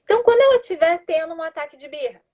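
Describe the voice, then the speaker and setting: A woman with a Brazilian Portuguese accent, explaining positive discipline on a live video call in a calm, instructive way. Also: very high-pitched, racing. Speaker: guest parenting educator.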